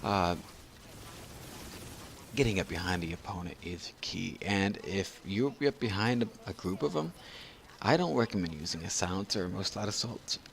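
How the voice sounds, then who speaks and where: A man's voice: deep voice, expressive, moderate pace, gravelly, a little hiss or hum. A drunk man giving casual, rambling video game commentary as a tutorial narrator, losing his train of thought.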